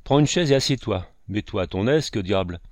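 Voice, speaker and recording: A man's voice: lowish voice, lively intonation, a little fast, dry recording, studio quality, close to an everyday voice. A man doing a hearty old farmer. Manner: loud, hearty. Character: gruff old farmer, the father.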